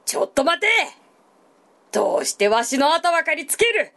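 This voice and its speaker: A woman voicing a gruff old male Buddhist monk in a folk tale reading, speaking in old rustic speech. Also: high voice, sing-song, normal speed, a bit bright, exaggerated voice. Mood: shouting.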